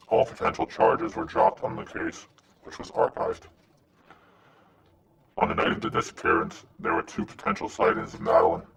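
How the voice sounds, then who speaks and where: A man reading a scripted anonymous message in a disguised, pitched-down voice. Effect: disguised voice, pitched down and gravelly. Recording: noisy, distant-sounding recording.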